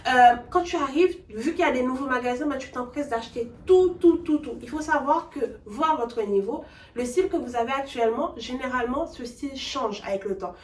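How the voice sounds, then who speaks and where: High-voiced Antillean woman, echoey room. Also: brisk, slight background noise. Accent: French Caribbean. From French Antilles. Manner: laughs often, many restarts. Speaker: talk show co-host. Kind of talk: casual advice chat. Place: living room, on a sofa. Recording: echoey room, mic far off.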